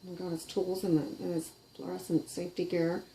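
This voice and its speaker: A woman's voice: fairly low pitch, level tone, brisk, creaky, warm tone, slight background noise. Chatty middle-aged Canadian woman at home. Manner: chatty, giggly, self-deprecating. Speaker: puppeteer and vlogger. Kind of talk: casual show-and-tell chat. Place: kitchen table at home.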